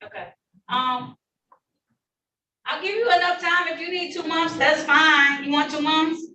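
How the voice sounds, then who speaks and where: A woman's voice: sits high, a little slow, sharp tone. A woman judge presiding over traffic court hearings, formal yet friendly as she reads out charges and rulings, heard in a courtroom recording. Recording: roomy, distant courtroom recording with faint noise.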